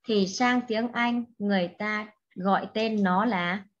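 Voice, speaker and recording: A woman teaching an English lesson to young children, speaking slowly and patiently and repeating each word for the class to echo. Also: mid-range voice, fairly even intonation, highs cut off. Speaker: primary school English teacher.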